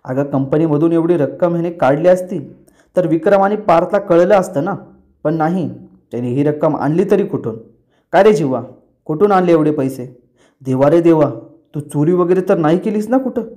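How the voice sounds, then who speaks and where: A man's voice: on the high side, moderate pace, dark tone, voice pushed up, natural voice. A man voicing a meddling middle-aged aunt from a TV serial, speaking in a taunting, prying way.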